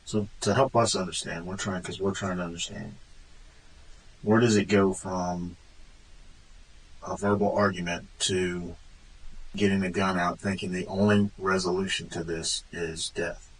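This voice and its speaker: A man conducts a police interview in a deep, husky voice. He is measured and probing as he puts his questions. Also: fairly even intonation, low-quality recording. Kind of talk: investigative questioning.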